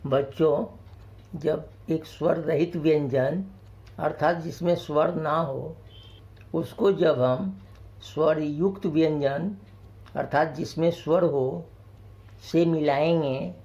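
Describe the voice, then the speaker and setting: Male teacher, children's grammar lesson, slow and patient, mellow tone, muffled lo-fi sound. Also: fairly high pitch, steady tone. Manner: slow, patient, explains each point twice.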